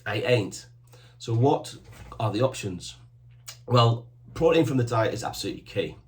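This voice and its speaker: A supplement shop owner in his fifties speaks straight to camera with supplement and bodybuilding advice, using short, emphatic commands in an enthusiastic, plain-spoken way. His medium-pitched voice has lively intonation at a normal speed.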